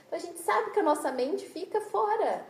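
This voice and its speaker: A woman's voice: extremely high pitch, lively intonation, fairly quick, echoey room, rough recording. A woman with a Brazilian Portuguese accent giving a chatty, self-deprecating devotional talk to a church women's group, laughing often as she speaks.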